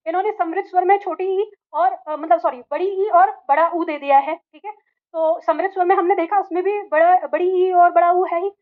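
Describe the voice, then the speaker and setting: A woman teacher explaining a lesson step by step, repeating key points and asking the class questions. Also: very high-pitched. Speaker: Hindi teacher. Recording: tinny, phone-like audio.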